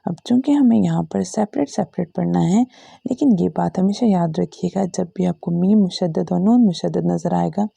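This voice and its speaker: A woman teacher with an Urdu-Hindi accent walks through a recitation lesson letter by letter, stretching each sound patiently. Her voice is dark and mellow with a gravelly edge. The recording is dry and close. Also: on the low side, normal speed, dry recording. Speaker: Quran reading teacher. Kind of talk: slow step-by-step recitation lesson.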